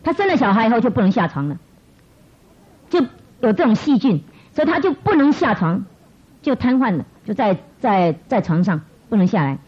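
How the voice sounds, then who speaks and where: Animated woman preaching a sermon. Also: fairly high pitch, moderate pace, husky. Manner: animated storytelling, repeating phrases. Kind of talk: testimony sermon. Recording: muffled lo-fi recording.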